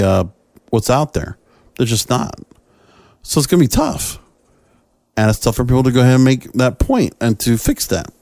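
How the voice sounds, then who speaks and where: With a medium-pitched, slightly mellow voice and no echo, a man hosts a podcast on his own. He speaks directly to his audience, giving opinionated takes in an emphatic, conversational manner.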